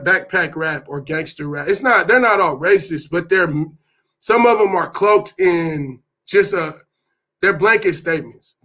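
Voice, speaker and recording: A middle-aged man from Oakland teaches hip hop history in a loose, conversational way. His voice sits high and light. He peppers his talk with street slang and swears, breaking into loud bursts to drive a point home. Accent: Oakland, California. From Oakland, California. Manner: animated, with sudden loud bursts. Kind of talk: casual lecture.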